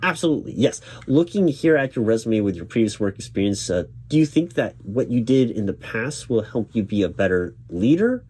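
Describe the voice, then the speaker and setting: Male job interviewer role-play: mellow, mid-pitched, reassuring and halting, faint noise with typing behind. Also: very animated. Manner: reassuring, accommodating. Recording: lo-fi, noisy, clacking keyboard typing. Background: computer keyboard typing.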